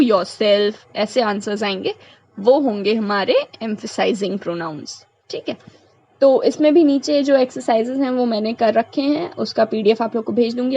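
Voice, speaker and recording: A woman's voice: fairly high pitch, a little mellow, dull audio. A woman teacher, working through a grammar lesson step by step and answering her own questions. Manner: reads English sentences slowly, explains in quick Hindi.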